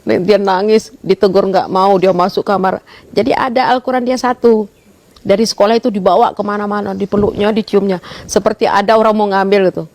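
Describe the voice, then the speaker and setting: Animated mother telling her story. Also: medium pitch, brisk. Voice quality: animated, swings between soft murmurs and sudden loud exclamations. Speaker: interviewed mother. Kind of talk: emotional personal storytelling.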